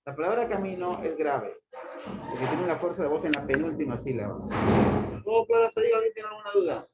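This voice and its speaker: A teacher running a grammar lesson, calling on students by name and pressing them with repeated questions. The tone turns stern when scolding the class for not reviewing the book. The recording is dull and lo-fi, with loud noise over an echoey classroom. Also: mid-range voice, wildly swooping pitch, a little fast.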